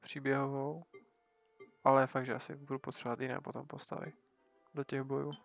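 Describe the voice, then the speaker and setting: A man's voice: mid-range voice, little pitch movement, fast, vocal fry, faint music behind. A man chatting casually to viewers as a game streamer. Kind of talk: casual livestream chat.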